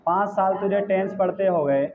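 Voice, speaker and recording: A man's voice: high voice, moderate pace, a crowd in the background. A man teaching English tenses in a coaching class, scolding and teasing students directly. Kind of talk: classroom English grammar lesson. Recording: tinny phone-like classroom recording with faint noise.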